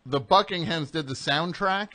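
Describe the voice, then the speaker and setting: A man's voice: fairly high pitch, moderate pace, pushed and bright. A man hosting a call-in radio show, answering a caller as a dry, skeptical straight man. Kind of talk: comedic call-in banter.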